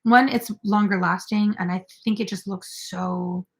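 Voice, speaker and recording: A young woman with a mid-range voice hosts a casual crochet live stream, speaking steadily and unhurriedly. She chats with viewers and reads their comments aloud, her talk full of "like" and "um."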